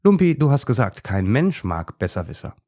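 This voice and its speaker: A man's voice: mid-range voice, big pitch swings, moderate pace, a little mellow, voice pushed up, close to an everyday voice. A know-it-all male chimpanzee from a children's audio story, as a man reader puts him on. He corrects others in a raised, pedantic voice. The manner is smug and precise. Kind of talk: storybook character voice.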